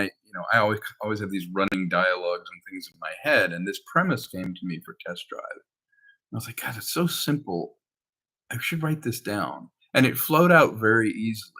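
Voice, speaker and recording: A film director and screenwriter gives a casual update on his projects, rambling through anecdotes and acting out quoted dialogue. His voice is on the low side, bright and forceful.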